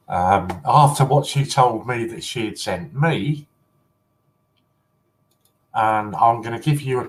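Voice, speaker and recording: A man with a fairly low voice chats casually on a collector livestream. He teases his viewers and giggles often. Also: a little hiss or hum, low-quality recording. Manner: chatty, giggly, teasing.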